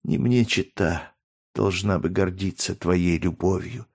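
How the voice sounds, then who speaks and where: A man's voice: low-pitched, a little slow, darkish tone, husky, exaggerated voice. A man reading aloud, voicing a proud young woman who speaks through tears in an audiobook. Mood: sorrowful. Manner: trembling, tearful pleading.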